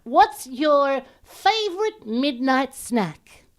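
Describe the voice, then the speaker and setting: Campy, high-pitched drag queen host. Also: big pitch swings, very slow, full character voice. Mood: playful. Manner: campy, arch, gushing darlings. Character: campy drag queen chat show host, bitchy and flamboyant. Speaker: radio chat show host. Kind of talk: comic in-character interview.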